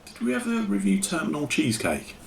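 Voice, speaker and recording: A man's voice: high-pitched, wildly swooping pitch, a little fast, vocal fry, slight background noise. A man chatting casually as a podcast co-host, blunt and laconic, with hesitant fillers. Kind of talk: casual chat.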